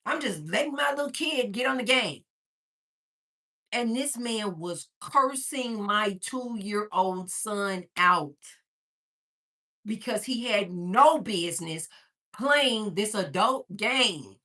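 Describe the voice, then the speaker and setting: A middle-aged woman hosting a livestream and telling a story in an animated way. She laughs often and swings between whispers and shouts. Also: mid-range voice, slow. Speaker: livestream host. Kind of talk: casual storytelling.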